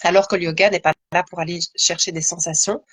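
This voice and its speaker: A woman's voice: on the low side, fairly even intonation, fast, a bit bright, slightly rough, no echo. A woman, a guest yoga teacher, talking casually and thoughtfully in a live conversation, with many fillers and restarts.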